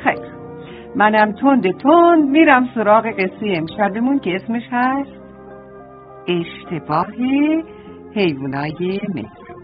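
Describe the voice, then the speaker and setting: A woman's voice: medium pitch, expressive, over music. A woman narrating a children's bedtime story, tender and speaking straight to the little ones. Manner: tender, addressing children directly. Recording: tinny phone-like sound.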